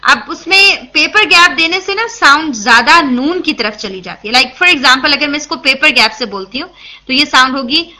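A woman gives a patient tajweed lesson, her voice high and very bright. She asks and answers her own questions and checks that listeners follow. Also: animated. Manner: patient, explanatory, mixes English words into Urdu. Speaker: Quran recitation teacher. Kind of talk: tajweed lesson, explaining and demonstrating.

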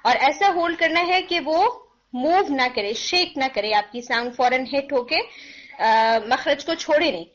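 Bright high-voiced woman teaching pronunciation. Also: animated, lo-fi sound. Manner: demonstrates sounds by voicing them slowly; mixes English phrases into Hindi-Urdu. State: sore throat, clears it often. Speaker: teacher of Quranic recitation. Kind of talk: pronunciation lesson.

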